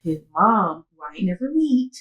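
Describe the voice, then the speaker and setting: Animated woman telling a story, slangy. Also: mid-range voice, normal speed, lo-fi sound. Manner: animated, acts out quotes, slangy. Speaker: podcast co-host. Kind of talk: casual storytelling chat.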